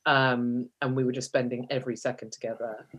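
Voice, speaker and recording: A woman's voice: extremely low pitch, flat delivery, fairly quick, slightly rough. A woman, a guest telling personal stories in a chatty, self-mocking way and laughing often. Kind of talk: candid personal storytelling.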